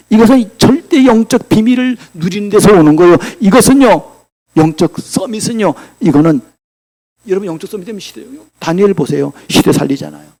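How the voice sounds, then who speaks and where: A male pastor preaching a sermon in a church, asking the congregation rhetorical questions and swinging between loud declarations and quiet asides. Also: high voice.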